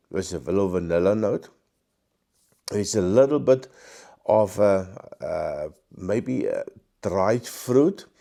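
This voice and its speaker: A man with a croaky, hoarse voice giving a casual, thoughtful whisky tasting review to camera, pausing often with ums and small self-corrections. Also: on the low side, mellow.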